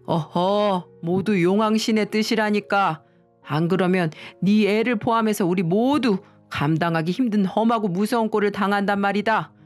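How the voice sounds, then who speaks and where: A woman's voice: fairly low pitch, fairly even intonation, moderate pace, soft background music, lightly acted. A woman voicing a stern elderly father-in-law who is fixated on omens, speaking in a solemn, grave way in a spoken story.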